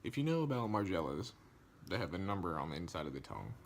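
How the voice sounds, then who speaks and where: Low-voiced young man telling a story. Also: fast talker, creaky, a little hiss or hum. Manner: animated, acts out quoted lines, rises in pitch when indignant; loose slangy speech with many likes and restarts. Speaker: vlogger. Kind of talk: casual storytime vlog.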